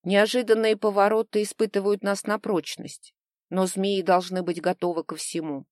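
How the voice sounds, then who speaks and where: A woman's voice: mid-range voice, little pitch movement, moderate pace, a little mellow, no room sound, clean studio sound, natural voice. A woman voicing a powerful male necromancer who is in charge and speaks in a solemn, commanding way.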